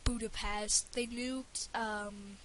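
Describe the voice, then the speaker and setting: A woman's voice: mid-range voice, fairly even intonation, takes it slowly, fairly bright tone, rough recording. A woman giving casual gameplay commentary for a let's play, rambling and stumbling over her words with lots of fillers. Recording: faint hiss under the voice.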